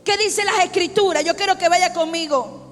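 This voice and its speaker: A middle-aged woman pastor preaching a fervent sermon, rising into shouts at times. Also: very high voice, moderate pace. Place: church sanctuary. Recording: long church reverb with faint music.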